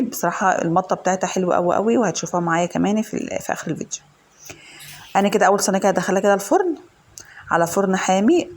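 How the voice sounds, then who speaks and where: A fast, chatty Egyptian woman leads a home cooking video, talking viewers through every step with lots of fillers. Her voice is a little hoarse from a cold. She records in her home kitchen, with a faint background hum. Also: mid-range voice. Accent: Egyptian Arabic. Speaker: home cooking channel host. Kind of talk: casual cooking tutorial.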